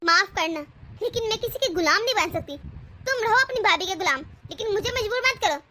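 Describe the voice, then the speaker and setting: Woman voicing a young cartoon wife, very high, bright and piercing, indignant, scolding. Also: lively intonation, a little fast, a little hiss or hum, exaggerated voice. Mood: defiant. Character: young quarrelsome wife, sharp-tongued and defiant. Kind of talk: animated cartoon dubbing.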